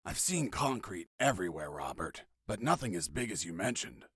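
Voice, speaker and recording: An actor playing a wry, deadpan escaped soldier in a video game, delivered like dramatic storytelling. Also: male voice, low-pitched, normal speed, breathy edge, dry recording, studio quality, full character voice. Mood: casual. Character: wry, cool male action hero, escaped soldier prisoner. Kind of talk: video game dialogue and narration.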